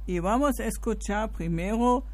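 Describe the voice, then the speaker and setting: A radio host with a German accent, from northern Germany, introducing the show slowly and answering her own questions. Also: medium pitch, darkish tone. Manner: slow, explanatory, asks and answers own questions.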